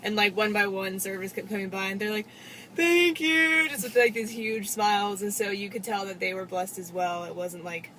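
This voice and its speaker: A woman from a church outreach team chatting in a relaxed, run-on way. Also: mid-range voice, brisk, hardly any pauses, rough recording. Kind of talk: casual chat.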